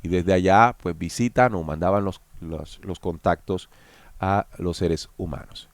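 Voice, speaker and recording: Male host, lowish voice, dry sound; explanatory, talks straight to viewers. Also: measured pace, no room sound. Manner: explanatory, addresses viewers directly. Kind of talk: analytical commentary.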